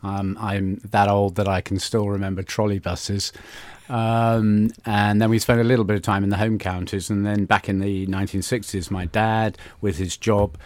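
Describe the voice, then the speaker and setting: A London man in his sixties, a church musician, reminisces casually as a guest in a radio studio interview, chatty yet hesitant and self-deprecating. His voice is on the low side and a little mellow, with little pitch movement, at normal speed in a dry recording.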